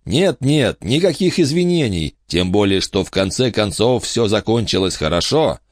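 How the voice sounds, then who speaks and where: A man's voice: fairly low pitch, big pitch swings, normal speed, no room sound, studio quality, voice pushed up. A man voicing a cheerful, fond male dwarf with a laughing manner in a storybook reading. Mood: kindly. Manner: warm and laughing.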